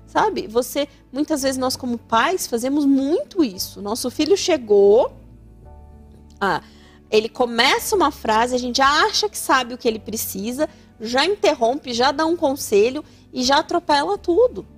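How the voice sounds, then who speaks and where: A woman's voice: sits high, animated, moderate pace, faint music behind. A woman with a Brazilian Portuguese accent hosting an advice talk show, speaking animatedly and acting out the voices she quotes. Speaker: radio host giving family advice.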